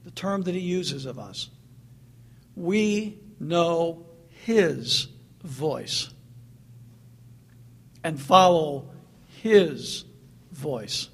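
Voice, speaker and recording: A man's voice: on the high side, lively intonation, drawn-out words, pauses often, breathy edge. A man preaching a sermon in an earnest, emphatic way, repeating his points.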